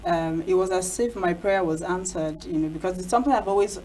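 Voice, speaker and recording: As an interview guest, this Nigerian storyteller from the southeast, whose first language is Igbo, speaks reflectively and keeps saying "you know." Her voice is lowish and warm, her pace fairly quick. The low-quality recording has a little hiss or hum.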